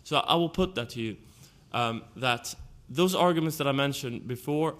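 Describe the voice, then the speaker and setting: A man's voice: medium pitch, moderate pace, fairly bright tone. A man from Sweden with a Swedish accent, speaking as a panelist at a conference and laying out his arguments one point at a time. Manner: argumentative, lays out points in order.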